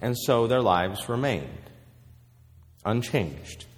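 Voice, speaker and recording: A man preaching a sermon, telling a story with measured pauses. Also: medium pitch, animated, long reverb tail.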